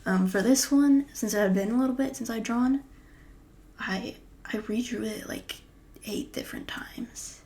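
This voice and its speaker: A woman's voice: a little high, a little slow, darkish tone. Casual woman half-whispering over her art. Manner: chatty, often drops to a breathy half-whisper. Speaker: artist vlogger. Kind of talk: casual vlog commentary.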